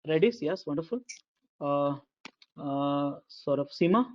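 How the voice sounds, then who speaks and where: High-voiced man, low sample rate. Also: expressive. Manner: repetitive, halting, many fillers. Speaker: instructor. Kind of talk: online class lecture. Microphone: video call. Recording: dull lo-fi call audio.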